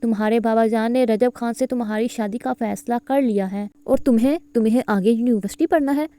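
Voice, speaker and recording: Woman reader doing a gentle worried mother in an audio novel, mellow smooth tone. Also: fairly high pitch, natural voice. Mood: soothing. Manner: soothing, anxious. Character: worried middle-aged mother, gentle but helpless.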